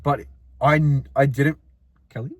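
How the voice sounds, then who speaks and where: A man's voice: mid-range voice, fairly even intonation, slow pace. A young man co-hosting a casual chat, telling work stories with frequent laughs and swearing. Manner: laughs often, swears, mocks customers. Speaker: podcast co-host.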